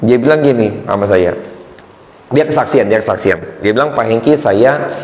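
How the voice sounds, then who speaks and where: A middle-aged man preaching a sermon as pastor, talking in a chatty, animated way with many fillers. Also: medium pitch, moderate pace. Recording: roomy hall with long reverb.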